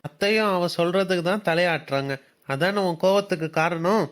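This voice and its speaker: A woman voicing a calm, teasing young husband who keeps questioning his wife in a cartoon serial. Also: on the low side, fairly quick, natural voice. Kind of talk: Tamil cartoon serial voice acting.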